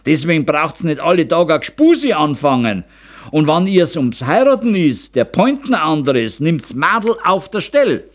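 Man doing a shouting Bavarian master craftsman. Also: on the high side, sing-song, measured pace, pitched above the performer's own voice. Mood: angry. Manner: shouting, raised and strained voice. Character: blustering middle-aged male master craftsman, hot-tempered. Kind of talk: audiobook character voice.

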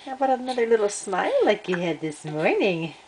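A woman's voice: medium pitch, expressive, a little fast, darkish tone. An older woman, a grandmother, coaxing a baby in repetitive sing-song baby talk while filming at home. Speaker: grandmother babysitting. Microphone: camcorder mic. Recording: noisy home camcorder audio.

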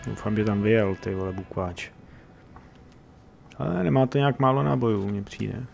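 A young man playing a tank game with friends, giving an excitable running commentary with a lot of swearing. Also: lowish voice, vocal fry, soft background music. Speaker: teammate in the game. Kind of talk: casual gaming chat.

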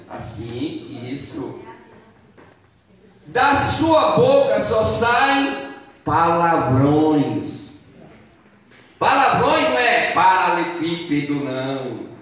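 A man giving an animated children's lesson in a church, often asking the kids questions, heard in an echoey hall from a distance. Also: high-pitched.

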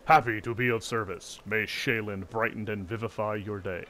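A man's voice: on the low side, steady tone, moderate pace, a bit bright, natural voice. A man doing a staccato clockwork golem. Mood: proud, chirpy. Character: vain cheerful male gem golem automaton. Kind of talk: reading game dialogue aloud.

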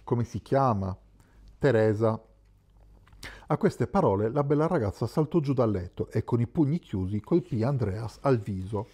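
A man narrating a literary novel as an audiobook in a calm, measured way. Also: mid-range voice, slightly rough. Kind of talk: scripted narration.

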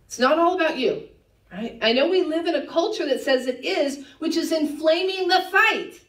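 Woman pastor, fairly high and very animated, conversational sermon with playful asides; echoey church, slightly off-mic. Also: recorded from a distance. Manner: conversational, teasing asides with quick laughs. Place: church sanctuary.

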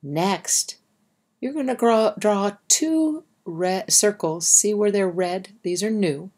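Speaking directly to young listeners, this woman reads a story and leads a drawing activity in plain, instructive words. Her voice sits at medium pitch, and she sounds animated and a little mellow while taking her time.

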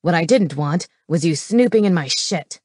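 A man's voice: fairly high pitch, expressive, normal speed, a little mellow, slightly rough, no echo, studio quality. A woman voicing a cold, scornful older male werewolf villain in an audiobook. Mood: scheming. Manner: sneering, cold. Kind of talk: audiobook character voice.

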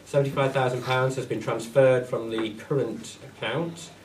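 At a council meeting, a man with a cold reads out the clerk's report, his nose audibly blocked, keeping the figures plain and steady and adding asides. His mid-range voice moves at normal speed, far off the room mic, in an echoey, faintly hissing hall with a loud crowd.

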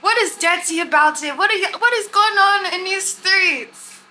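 A young woman vlogging casually to her viewers from a hotel room and balcony, chatty and animated, filmed on a phone held at arm's length. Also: extremely high pitch, normal speed, a little hiss or hum. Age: young adult. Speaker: travel vlogger. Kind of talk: casual vlog to camera. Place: hotel room and balcony at night, outdoors by a city street. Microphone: handheld phone camera at arm's length.

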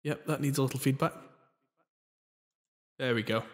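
A man's voice: mid-range voice, moderate pace. A man in his home studio testing a heavy reverb on his vocal, so his casual, chatty voice sounds like it's in a cave. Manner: relaxed, chatty, tries short sung lines. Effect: heavy reverb, cave-like echo on his voice. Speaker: music producer demoing software. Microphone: studio condenser mic through a preamp.

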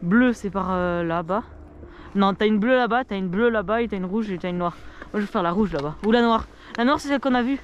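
A man's voice: high-pitched, a little fast, muffled recording. A young man vlogging casually while skiing down a snowy slope, teasing and joking as he talks to an action camera. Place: outdoors on a snowy ski slope. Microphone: action camera worn while skiing. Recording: loud wind noise on an action camera.

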